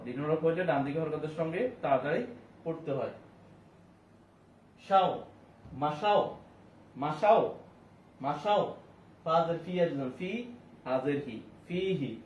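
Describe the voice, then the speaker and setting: A man teaching Quran reading, spelling out each word letter by letter and slowly chanting the verses. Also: fairly high pitch. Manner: slow, repetitive drilling with melodic recited verses. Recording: roomy, dull distant sound with faint hiss.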